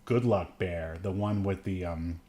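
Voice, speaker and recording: His voice sits low with a dark tone and a slightly slow delivery as this podcast co-host, a man of about thirty to forty-something, reviews films. The conversation is loose and unscripted, full of jokes and meandering tangents.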